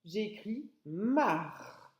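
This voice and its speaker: A woman's voice: medium pitch, sing-song, very slow, roomy sound, muffled recording, background noise. A woman teacher with a French accent giving a patient, step-by-step writing lesson to young children, spelling out sounds and syllables. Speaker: kindergarten teacher.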